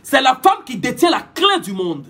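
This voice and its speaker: A man holds forth in a live-stream monologue, preachy and repetitive, hopping between languages. His voice sits very high for a man and sounds husky, and it rises and falls in lively swings. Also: normal speed, faint music behind. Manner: preachy, repetitive, switching languages mid-sentence. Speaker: livestream host.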